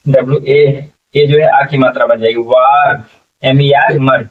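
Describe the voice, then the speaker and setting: An unhurried man with a medium-pitched, fairly even voice teaches English reading in Hindi. In this slow spelling lesson he spells letter by letter, repeats each word and asks the class what it forms, and the off-mic recording sounds distant, tinny and phone-like.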